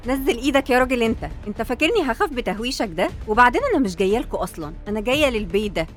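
A woman playing a bitter, jilted woman who speaks with an Egyptian Arabic accent in a sharp, accusing manner. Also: fairly high pitch, animated, very fast, soft background music, natural voice.

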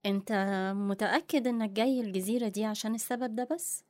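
Brief: woman voicing suspicious female captor, cold and brisk, dry recording. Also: fairly high pitch, darkish tone, no echo, natural voice. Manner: cold, interrogating.

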